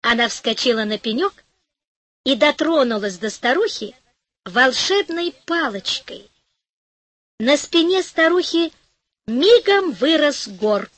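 Slow expressive woman reading a fairy tale. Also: high-pitched, no echo. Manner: gentle, expressive storytelling. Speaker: audiobook narrator. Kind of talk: scripted narration of a fairy tale. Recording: dry studio audiobook.

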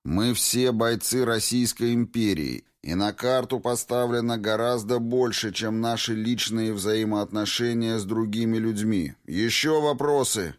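A stern male commander gives clipped orders in a low voice, as the narrator plays him. He is curt and cold. Each word lands as a command. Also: measured pace, hardly any pauses, lightly acted.

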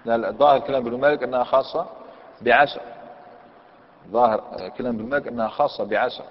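A man's voice: mid-range voice, fast talker, slight background noise. A man with an Algerian Arabic accent teaching a grammar lesson. He quizzes his students, repeats key points, and reads a commentary aloud before explaining it. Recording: echoey hall, dull lo-fi sound.

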